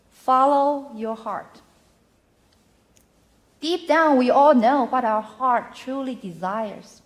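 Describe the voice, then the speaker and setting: Female keynote speaker, high voice, unhurried, motivational, short emphatic phrases. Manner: slow, measured phrasing in short emphatic chunks. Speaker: mental health keynote speaker. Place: arts center venue before a live audience.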